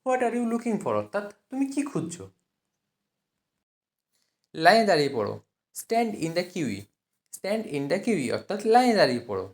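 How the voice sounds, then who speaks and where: A woman with a Bengali accent teaching spoken English, saying each phrase slowly and then giving its meaning in Bengali. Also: medium pitch, sing-song. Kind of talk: language lesson, phrase then translation.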